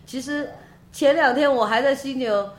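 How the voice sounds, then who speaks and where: A woman hosting a podcast interview, talking in a halting way and repeating words while she looks for them. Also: sits high, slight background noise. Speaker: podcast host. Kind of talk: casual interview chat.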